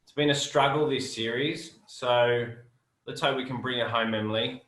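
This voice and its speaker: A man's voice: mid-range voice, fairly even intonation, normal speed, a bit bright. Chatty male game show host, roomy sound. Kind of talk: casual game show hosting. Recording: roomy echo, music underneath.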